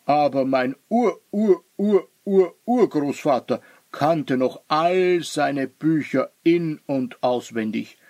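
A man playing an old, wise wizard who speaks slowly and thoughtfully in a children's story. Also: on the high side, animated, a little mellow, no echo. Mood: grave. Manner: slow, musing, grave.

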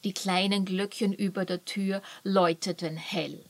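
Slow storybook narrator, woman. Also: medium pitch, steady tone, very noisy. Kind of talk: children's audiobook reading.

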